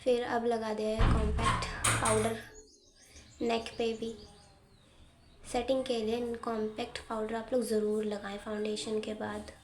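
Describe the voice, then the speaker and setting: A woman's voice: fairly high pitch, flat delivery, measured pace, music in the background. Chatty giggly young woman vlogger. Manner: chatty, giggly, self-teasing. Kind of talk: casual vlog narration. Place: home, indoors.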